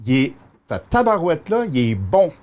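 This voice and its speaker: This is a Québécois impressionist in his fifties chatting on a podcast. His voice sits slightly high and rises and falls with lots of life, often stopping and restarting mid-thought. There is a faint wash of room noise underneath. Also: normal speed. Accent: Quebec French. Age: 50s. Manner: animated, hesitant, with many restarts. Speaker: guest impressionist. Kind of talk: casual conversation.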